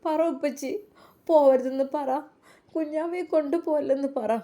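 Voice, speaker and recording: A small girl begging her father, as a woman storyteller puts her on, in a high, whiny, childlike voice. She pleads insistently in a storybook tale. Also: fairly even intonation, moderate pace, warm tone, close to an everyday voice. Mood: pleading.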